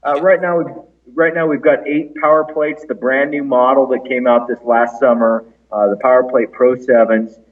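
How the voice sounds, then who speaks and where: A man's voice: medium pitch, steady tone, normal speed, phone-quality sound. A man in casual conversational talk, his voice echoing in a large conference room as he speaks as an interviewed clinic founder. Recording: echoey big conference room, band-limited, distant.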